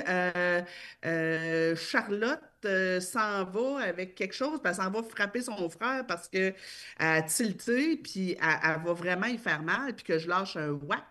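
In a casual talk about parenting, a woman with a Québécois accent shares her views emphatically, her mid-range voice fairly bright in tone. Fillers and restarts come up a lot.

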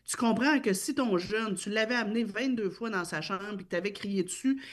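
A woman's voice: mid-range voice, normal speed. A woman with a Québécois accent explaining her views on parenting in a casual discussion, emphatic, with many fillers and restarts. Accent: Québécois French. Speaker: parenting speaker.

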